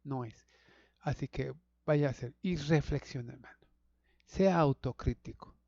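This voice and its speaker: A middle-aged pastor teaching a Sabbath school lesson to an online audience, talking conversationally, repeating words and calling listeners brothers. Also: male voice, medium pitch, a little slow, gravelly, a little mellow, no echo, muffled recording.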